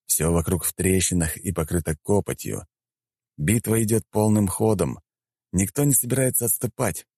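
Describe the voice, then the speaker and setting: A man narrating a first-person fantasy audiobook in a calm, wry tone. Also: sits low, moderate pace, no room sound, studio quality.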